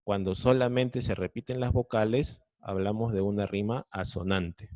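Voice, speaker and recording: A man with a Peruvian Spanish accent teaches an online class over a video call, explaining patiently step by step and often checking that students are following. His voice is lowish and a little mellow, with a steady tone, moderate pace, and no echo.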